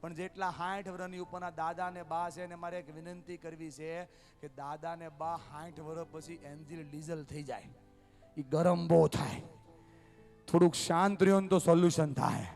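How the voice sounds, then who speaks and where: A man giving a motivational talk to a family gathering, calling out to the crowd for answers and swinging from loud to hushed. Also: a little high, fairly even intonation, normal speed, faint music behind. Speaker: motivational speaker. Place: outdoor family event at night.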